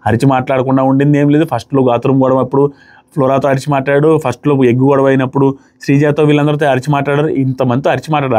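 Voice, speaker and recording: A man's voice: fairly high pitch, a little mellow. A man casually reviewing a reality show episode, giving his opinions to viewers. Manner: fast, opinionated, talking to viewers.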